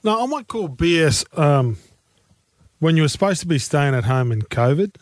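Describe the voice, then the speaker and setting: A man's voice: fairly high pitch, very animated, moderate pace, dry recording. A man with an Australian accent chatting casually as a sports panellist, telling anecdotes in a joking, slangy larrikin way.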